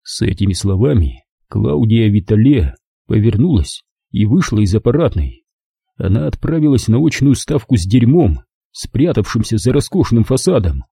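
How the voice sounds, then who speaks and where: Husky, very dark-voiced male narrator. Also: fairly low pitch, very animated, normal speed, no room sound, clean studio sound. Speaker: audiobook narrator. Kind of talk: dramatic scripted narration.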